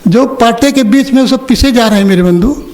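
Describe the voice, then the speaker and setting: In an ashram's opening ceremony hall, an older spiritual teacher delivers a religious discourse in a very high-pitched, darkish voice at normal speed. He narrates a story and asks his audience questions along the way.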